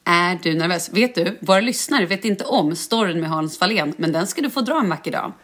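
A woman's voice: fairly low pitch, expressive, fairly bright tone. A woman hosting a podcast in casual chat, retelling a story and playfully acting out quoted messages. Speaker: podcast host.

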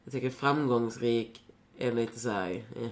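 A young woman in casual chat as a podcast guest, rambling with many fillers and swearing freely. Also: very deep voice.

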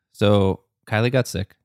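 A man co-hosting a podcast in casual chat, his voice a little strained, telling stories in a relaxed, rambling way. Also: on the low side, no room sound, clean studio sound. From Canada. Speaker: podcast co-host.

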